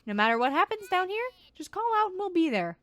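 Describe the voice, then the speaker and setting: A woman's voice: extremely high pitch, big pitch swings, quick pace, a bit bright, no echo, voice pushed up, full character voice. A woman voicing the eager, cheerful leader of a squad of food creatures in a video game, speaking in an earnest, sing-song manner.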